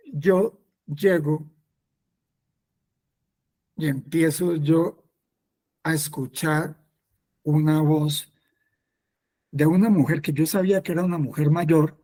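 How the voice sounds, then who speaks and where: Friar for a catechesis talk, male, slightly higher voice, soft warm tone, chatty and repetitive. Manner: conversational, repeats himself, frequent affirming "sí". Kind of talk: spoken catechesis, personal testimony.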